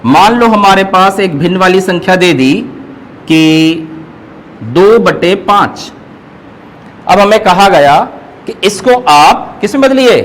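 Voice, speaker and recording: A man's voice: high-pitched, a bit bright, poor audio. A man teaching an online math class. He explains patiently and keeps checking that his students follow. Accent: Hindi, North Indian.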